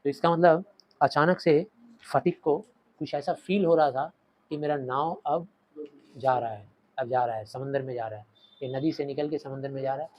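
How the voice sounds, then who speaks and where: A man teaching a short story in Hindi, reading English lines with an Indian accent and acting out quoted lines before dropping to quiet asides. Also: medium pitch, steady tone, normal speed, highs cut off. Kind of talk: explaining a story in Hindi lecture.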